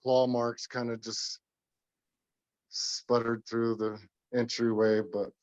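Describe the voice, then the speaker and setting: A man with a slightly hoarse voice, talking casually and haltingly as a tile installer walking someone through his work. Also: medium pitch, flat delivery, lo-fi sound. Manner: hesitant, halting. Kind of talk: casual informal walkthrough talk.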